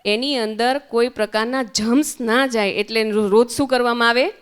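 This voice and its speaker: A woman with a Gujarati accent leads a lesson for children. She keeps asking the group questions and repeats their answers back. Her voice is slightly high and very clear. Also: fairly even intonation, normal speed. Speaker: spiritual teacher at children's summer camp. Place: centre hall.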